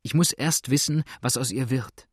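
A man's voice: medium pitch, moderate pace, breathy edge, dry recording, clean studio sound, close to an everyday voice. A man voicing an earnest, desperate young boatman who pleads urgently. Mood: pleading.

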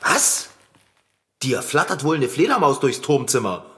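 A man's voice: mid-range voice, very animated, unhurried, a bit bright. A man playing a grumbling, reluctant bicycle mechanic in a children's radio play, hesitant and easily flustered.

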